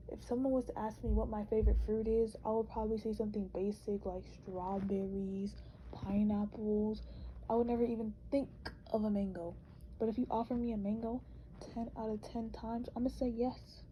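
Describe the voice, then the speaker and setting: A woman's voice: medium pitch, muffled recording, slight background noise. A young woman narrating her vlog in a chatty, informal, casual voice-over. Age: young adult. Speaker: vlogger.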